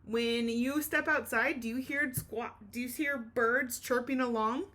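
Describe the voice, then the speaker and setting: A slightly high, slightly slow female voice belongs to a teacher reading aloud to children. She's animated and expressive, pausing to quiz her little listeners and explain parts of the story.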